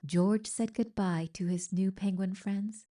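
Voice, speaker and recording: A storybook reader, female and mid-pitched, reads a children's picture book out loud. Her delivery is expressive and unhurried, each line given deliberate weight.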